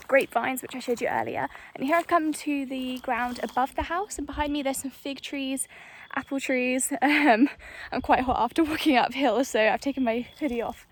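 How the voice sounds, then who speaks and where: A woman's voice: sits high, a little hiss or hum. Chatty young woman vlogging outdoors. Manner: chatty, loose, with fillers and laughs. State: slightly out of breath. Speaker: travel vlogger. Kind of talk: casual vlog to camera. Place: outdoors on hillside farmland.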